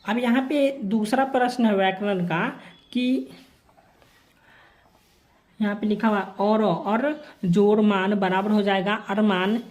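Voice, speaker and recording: A woman teacher from Bihar talks through textbook questions and answers at a slow, unhurried pace. Her pitch sits in an ordinary middle range, and she keeps coming back to the same stock phrases as she writes each answer out. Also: steady tone, a little mellow. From Bihar, India. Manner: slow, repeats formulaic phrases while writing answers. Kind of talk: homework answer walkthrough lesson.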